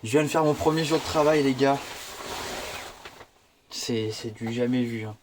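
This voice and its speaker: An eighteen-year-old man chatting casually to his viewers in a slangy, excitable vlog style. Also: medium pitch, normal speed, background noise. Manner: slangy, excitable, laughs often. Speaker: vlogger.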